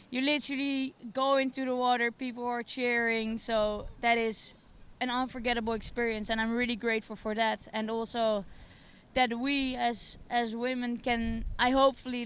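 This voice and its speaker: A woman's voice: fairly high pitch, a bit bright, clear, resonant tone. A young woman competitor giving a post-event interview on an outdoor stage at night, talking hesitantly with many fillers and restarts. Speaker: kiteboarding competitor.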